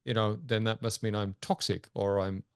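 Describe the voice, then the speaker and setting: Low-voiced earnest male co-host. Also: flat delivery, clean tone, no echo, studio quality. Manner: earnest, thoughtful, with pauses and restarts. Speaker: podcast co-host; father. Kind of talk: reflective interview talk.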